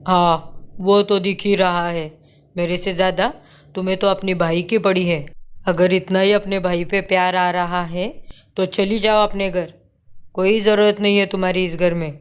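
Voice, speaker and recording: A woman's voice: lowish voice, level tone, normal speed, clear, resonant tone, lightly acted. A woman voicing a short-tempered young husband in a cartoon story, scolding sharply. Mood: angry. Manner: angry, scolding.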